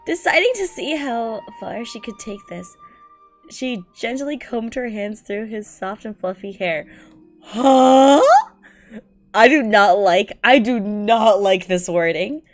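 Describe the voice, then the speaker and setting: A young woman who isn't a native English speaker streams herself reading fan fiction aloud, her voice a little high and her pace slow over soft background music. She reacts casually with slang and swearing, giggling and sounding exasperated.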